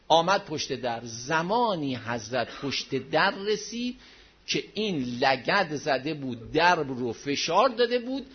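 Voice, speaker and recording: A man preaching a dramatic religious story, rising to loud outcries and dropping to hushed low passages. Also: slightly rough. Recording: dull lo-fi recording.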